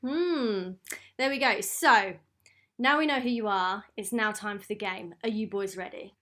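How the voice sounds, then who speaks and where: A woman's voice: medium pitch, a little slow, pushed and bright, no echo. A woman co-hosting a podcast, talking in a casual, informal and chatty way. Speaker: podcast co-host and quiz master.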